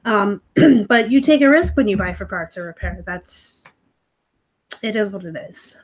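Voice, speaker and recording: Her mid-range voice has lively intonation and a breathy edge, and she talks a little slowly. The online reseller hosts a casual home live stream over her laptop, reading viewer comments with a snarky streak and frequent laughter.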